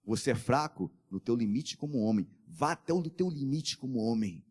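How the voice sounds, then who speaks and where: A Brazilian Portuguese-speaking man preaching a sermon, swinging between loud calls to the church and soft, low asides, and calling for amens. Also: animated, moderate pace, slightly rough. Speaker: pastor.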